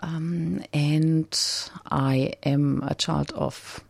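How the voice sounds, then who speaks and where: A woman's voice: sits low, fairly even intonation, extremely slow, creaky, darkish tone, dry recording. A woman from Germany, a radio studio guest, telling her personal story hesitantly with many fillers and restarts. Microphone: studio microphone.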